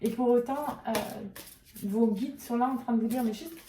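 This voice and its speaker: A woman's voice: fairly high pitch, normal speed, mellow, a little hiss or hum. A woman giving an intuitive tarot and oracle reading, speaking hesitantly and searching for words with many fillers. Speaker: tarot and oracle card reader. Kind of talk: intuitive card reading to camera. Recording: roomy echo, voice a little far from the mic.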